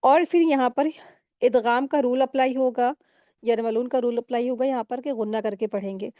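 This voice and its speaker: A woman teaching Quran recitation rules step by step in a patient, explaining manner, pausing to recite words slowly. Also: on the high side, fairly even intonation, dark tone, dry recording, clean studio sound. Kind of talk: step-by-step tajweed lesson.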